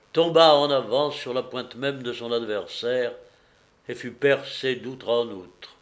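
A man reading a historical novel aloud in a measured storytelling manner. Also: medium pitch. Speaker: narrator.

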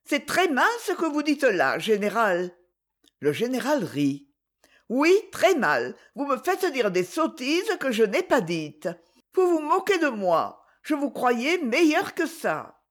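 A woman reader voicing a warm-hearted, quick-tempered young woman in a storybook. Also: sits low, very animated, voice pushed down, heavily acted. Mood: hurt.

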